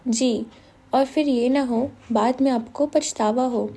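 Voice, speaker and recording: A man's voice: very high voice, fairly even intonation, gravelly, mellow, heavily acted. A woman reading an audiobook, voicing a young man who teases his friend playfully. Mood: teasing. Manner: teasing, playful.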